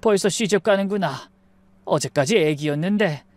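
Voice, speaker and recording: A man's voice: sits high, moderate pace, dry recording, lightly acted. A woman voicing an affectionate father who dotes on his daughter. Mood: doting. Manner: warm, doting. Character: affectionate older father of the bride.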